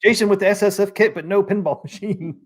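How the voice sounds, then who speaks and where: He's a fast talker with a high voice, hosting a casual live stream. Easygoing throughout, he chats and reads out what viewers comment.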